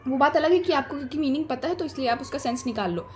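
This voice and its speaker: A high-pitched woman with an Indian accent gives an exam-prep lesson. She keeps asking questions and then answers them herself. A faint hum of ambience sits behind her. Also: animated, fast, darkish tone. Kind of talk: explanatory lecture.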